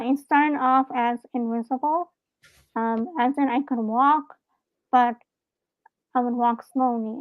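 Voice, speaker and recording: A woman from Hong Kong speaks in a high, fairly flat voice, telling her story in an earnest, reflective way. The sound comes through a dry, narrow, phone-like call line. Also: no room sound. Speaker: author and guest. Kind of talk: live interview over a call.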